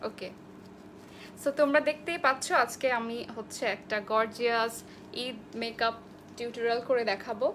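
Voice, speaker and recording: A young woman from Bangladesh talks through a live-streamed makeup tutorial, greeting viewers by name as she works. Her voice sits high, and she slips English phrases into her talk. A faint hiss sits under the indoor recording. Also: fairly even intonation, normal speed, a bit bright. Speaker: makeup artist hosting a live sale.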